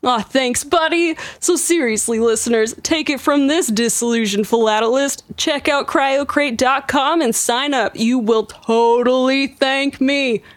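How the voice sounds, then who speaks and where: A woman's voice: high-pitched, measured pace, hardly any pauses, dry recording. A woman voicing a laid-back young surfer-bro man reading a parody ad in slangy, salesy bro talk. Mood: hyped salesy. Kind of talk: parody ad read.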